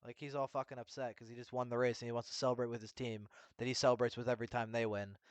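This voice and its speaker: A man's voice: mid-range voice, level tone, very fast, clean tone, no room sound. A young man hosting a casual racing recap, ranting heatedly and swearing constantly. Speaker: F1 recap host. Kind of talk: casual commentary rant.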